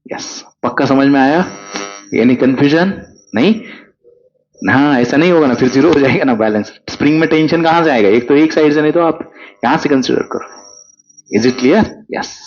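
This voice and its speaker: A male physics teacher speaks at medium pitch and a moderate pace, coaxing students through exam problems with a steady stream of questions. The recording sounds lo-fi, and the talk is an exam crash-course lecture.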